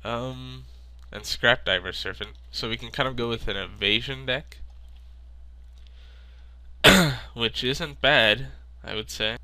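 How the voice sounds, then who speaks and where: A man's voice: mid-range voice, slow, long pauses, pushed and bright, dry recording. A man with a sick, stuffy, nasal voice, thinking aloud in casual card-game commentary. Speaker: video maker.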